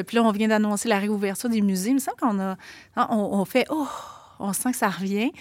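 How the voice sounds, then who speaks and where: A middle-aged woman with a Limoilou Quebec accent talks casually as an interview guest. She searches for words, stacking fillers and restarts, then runs on into lively stories. Her voice is plain and mid-pitched, recorded dry with no room sound. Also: no echo. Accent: Quebec French, Limoilou working-class. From Quebec City, Canada.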